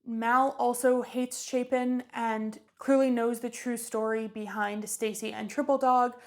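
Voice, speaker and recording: A woman vlogger casually recapping a film's plot in a chatty, offhand way. Her fairly high voice has a creaky edge. She keeps her pitch flat. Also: measured pace. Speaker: movie review vlogger.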